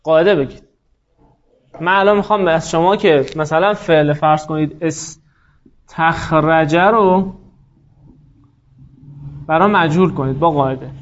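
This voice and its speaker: A man's voice: on the high side, pauses often, dull audio. A male teacher giving a classroom grammar lecture, explaining step by step and quizzing his students by name.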